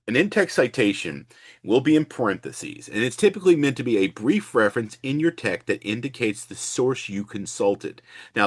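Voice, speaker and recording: A male instructor with a fairly low-pitched voice gives an explanatory screen walkthrough lecture, restating and stressing key points. The recording is clean studio sound with no room sound.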